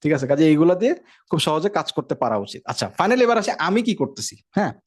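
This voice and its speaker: A man gives a casual tech lecture at a rapid clip. His voice sits a little high, and he keeps the tone conversational, often stopping to check that his listeners are following. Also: very animated, slightly rough. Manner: fast, conversational, frequent check-ins. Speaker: instructor.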